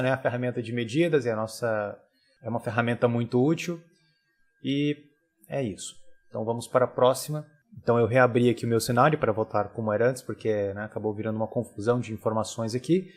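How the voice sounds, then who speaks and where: A man, teaching a software tutorial over a screen recording in a relaxed, casual way full of tag questions. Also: medium pitch.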